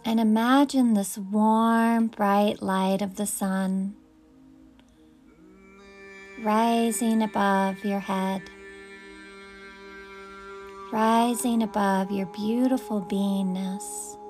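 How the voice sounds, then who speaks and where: A woman leading a guided meditation, speaking in soft, soothing invitations. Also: medium pitch, fairly even intonation, slow pace, faint music behind.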